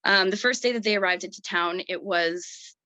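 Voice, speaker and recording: A woman giving emotional, halting personal testimony at an online public hearing over a video call. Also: medium pitch, pushed and bright, no room sound, poor audio. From Canada. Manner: earnest, emotional, halting with fillers.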